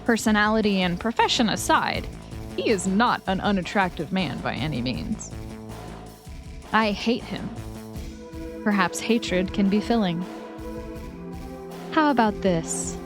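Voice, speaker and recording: Slow, expressive woman reading aloud. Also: mid-range voice, over music. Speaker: streamer. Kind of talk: reading a story game aloud on a live stream.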